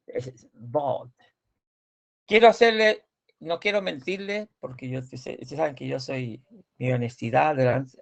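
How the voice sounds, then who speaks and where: A man teaching a language class, slowly explaining pronunciation, repeating words and correcting his students. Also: medium pitch, creaky, highs cut off. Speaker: Swedish teacher.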